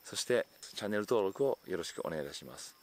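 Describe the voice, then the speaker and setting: A man's voice: sits low, expressive, quick pace. A man giving a casual spoken lesson outdoors, animatedly switching into sample English phrases. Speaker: English teacher on a video channel. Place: outdoors in hot weather.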